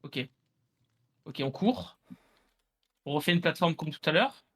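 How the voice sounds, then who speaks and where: A man's voice: fairly high pitch, expressive, a little slow, fairly bright tone. A man chatting casually while he plays a game with friends, joking and laughing. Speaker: streamer. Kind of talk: casual gaming chat.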